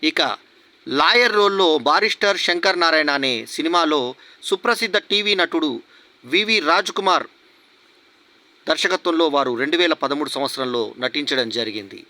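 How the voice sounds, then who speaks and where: Brief: male announcer, high and bright, dry close sound, formal tribute read steadily. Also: moderate pace, dry recording. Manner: steady formal reading, links points with set connecting words. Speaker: award announcer.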